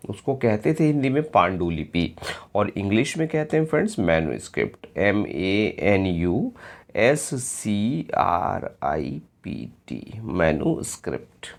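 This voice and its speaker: An Indian man leads an exam-prep English lesson at an unhurried pace, spelling each word out one letter at a time. His voice has a gravelly edge, and his pitch rises and falls with lively emphasis. He keeps checking in with his students to make sure they are following. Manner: slow and patient, often checks in with "clear friends?". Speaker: English teacher.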